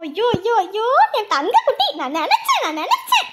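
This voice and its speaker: A woman playing a loud, thrifty middle-aged village mother who scolds and wails in a comedy sketch. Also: huge pitch swings, fairly quick, heavy background noise, full character voice. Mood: overjoyed. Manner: shrill, scolding, wailing.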